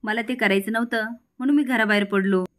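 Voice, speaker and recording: A woman's voice: a little high, fairly even intonation, a little fast, close to an everyday voice. A woman reading an easygoing young husband.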